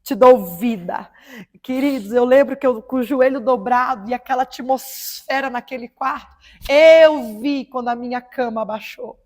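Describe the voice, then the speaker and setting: Fervent woman giving a faith testimony. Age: 30s. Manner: fervent, preacher-like, swelling louder and slower at high points. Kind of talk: emotional religious testimony.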